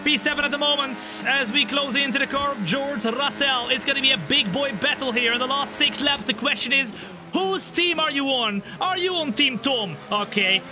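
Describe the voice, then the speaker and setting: High-voiced joking young man streaming a race. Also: normal speed, over music. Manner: joking, chatty, greets viewers. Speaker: game streamer. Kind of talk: live racing game commentary and chat. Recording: game engine noise behind voice. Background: racing car engine sounds.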